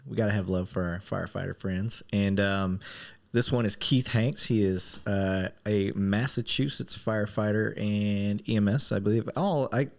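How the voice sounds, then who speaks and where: A man's voice: on the low side, steady tone, normal speed, creaky. A man hosting a podcast in an informal, joking, self-deprecating way. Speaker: podcast host. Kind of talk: casual chat, informal hosting.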